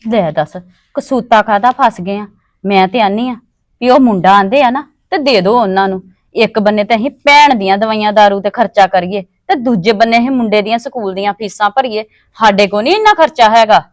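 A woman's voice: medium pitch, brisk, no room sound, studio quality, natural voice. A woman playing a pragmatic, self-interested young married villager in a family drama, blunt and persuasive. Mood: resentful. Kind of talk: acted family drama dialogue.

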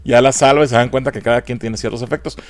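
A man's voice: medium pitch, fairly even intonation, quick pace, no echo, faint music behind. A man with a Mexican accent giving a casual, profane film review. He mocks the movie and laughs often.

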